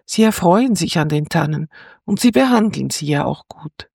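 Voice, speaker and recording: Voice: medium pitch, lively intonation, normal speed, vocal fry, darkish tone, dry recording, studio quality. Narrator voicing a wise little fox. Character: wise little male fox, a bit mocking. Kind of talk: storybook reading.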